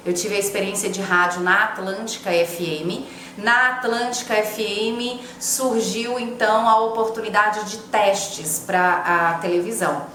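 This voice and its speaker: A woman's voice: mid-range voice, a bit bright. Woman in her forties in an echoey room. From Fortaleza, Brazil. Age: 40s. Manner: conversational, recounting step by step. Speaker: TV presenter and former reporter. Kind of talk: documentary interview testimony. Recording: echoey room, faint hiss.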